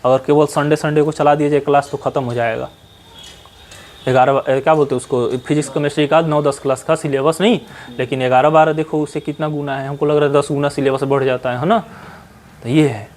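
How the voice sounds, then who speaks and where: A man's voice: on the high side, steady tone, brisk, darkish tone. A man with a Bihari Hindi accent teaching mathematics in a classroom, advising students at length and tagging his sentences with "है ना?". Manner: scolding, advising, with frequent "है ना?" tag questions. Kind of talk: classroom lecture. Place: classroom with whiteboard.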